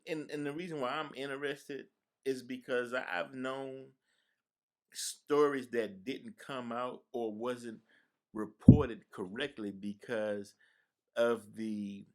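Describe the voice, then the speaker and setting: A man hosting a radio interview, speaking haltingly with repeated words and restarts. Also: mid-range voice. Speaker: radio show host. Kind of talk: conversational interview.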